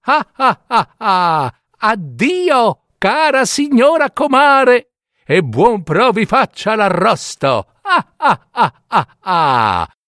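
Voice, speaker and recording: A man voicing a sly, cunning female fox in a storybook reading, wheedling, moaning and mocking with shrill cackles. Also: sing-song, slow, no room sound, clean studio sound.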